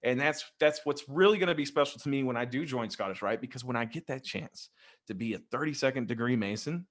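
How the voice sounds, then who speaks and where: A man's voice: mid-range voice, a bit bright. A man, a Freemason guest in a casual interview, rambling and jokey as he tells stories into a desk microphone over a video call. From West Texas.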